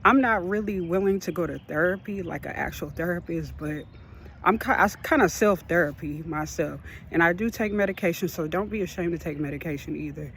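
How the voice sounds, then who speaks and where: A man with a notably high voice speaks straight to his viewers in an earnest, encouraging vlog. He rambles with plenty of fillers and sounds a little out of breath, with faint ambient sound behind him. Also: brisk, vocal fry, a bit bright, a little hiss or hum. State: a bit out of breath. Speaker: vlogger. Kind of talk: motivational vlog talk.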